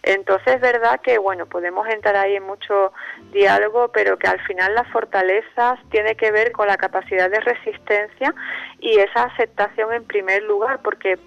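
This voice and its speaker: A man as a guest expert, explaining in a measured, reflective way and often ending points with a questioning "no?". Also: high voice, fairly even intonation, vocal fry, a bit bright, no room sound. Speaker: guest expert on emotional wellbeing. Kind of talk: explanatory radio interview answer. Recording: dull phone line.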